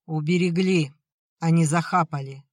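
The audiobook narrator voicing a stern grown-up son, speaking curtly and coldly, lower and quieter. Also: fairly even intonation, moderate pace, dry recording, clean studio sound, natural voice. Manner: curt, cold.

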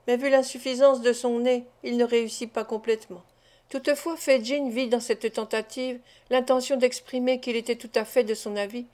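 A woman's voice: on the high side, a little mellow. Woman reading a classic novel aloud. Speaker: audiobook reader. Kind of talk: scripted narration.

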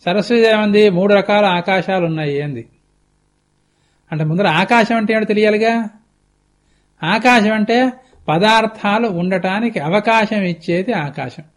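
High-voiced man telling a scripture story. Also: unhurried, long pauses. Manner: conversational, explanatory, with lively asides. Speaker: spiritual teacher. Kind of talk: religious discourse with storytelling. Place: TV studio.

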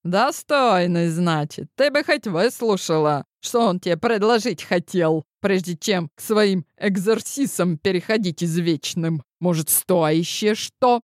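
A woman's voice: on the low side, a little slow, hardly any pauses, a little mellow, no echo, lightly acted. A woman reading the part of a sarcastic grandmother in an audiobook, in a dry, needling manner. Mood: teasing.

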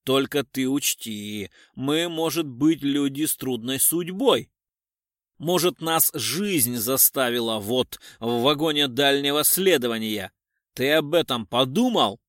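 A man voicing a shaggy, drunk male tramp who talks loud, brash and slangy. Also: mid-range voice, animated, a little slow, no echo, clean studio sound. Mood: defiant.

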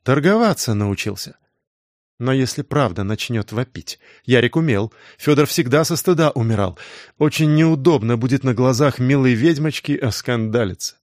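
A male audiobook narrator with a middling pitch, reading in a brisk and wry way. The recording is close and dry, with no room sound at all. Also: darkish tone, no echo. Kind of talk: scripted narration.

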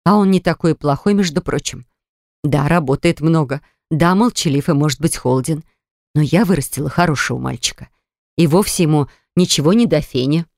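Reader as a careful worried older mom, soft-spoken, dry sound. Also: mid-range voice, fairly quick, no room sound, close to an everyday voice. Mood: cautious. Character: worried gentle older wife and mother. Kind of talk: audiobook character voice.

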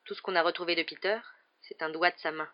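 A measured, steady grown man, as a woman narrator plays him, explaining in a lowish, even voice close to her own. The audio is dull and muffled, like an old audiobook. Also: natural voice. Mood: calm.

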